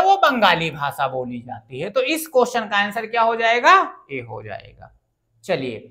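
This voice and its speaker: High, bright-voiced woman teaching a lesson. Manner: asks the class questions, then answers them herself. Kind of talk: exam-prep grammar lesson.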